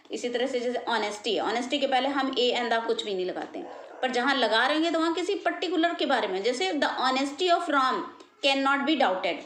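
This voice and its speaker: A woman's voice: high voice, a bit bright. A woman teaching an English grammar lesson, explaining step by step, spelling out letters and checking in with "okay?" after each point. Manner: checks understanding with frequent "okay?" tags; spells out letters and examples slowly.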